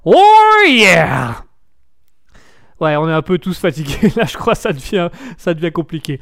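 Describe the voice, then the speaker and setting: A man's voice: on the high side, fast, no echo, studio quality. A tired male host of a live show, commenting jokingly on odd news stories, rambling and stumbling over his words before correcting himself.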